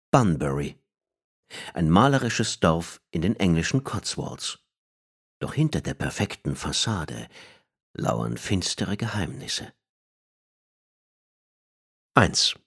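A man reading an audiobook in measured, expressive scripted narration. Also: sits low, breathy edge.

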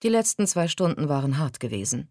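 A woman reading a storybook aloud as narrator, in a calm, expressive reading voice on a close mic. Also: low voice, fairly quick, no room sound.

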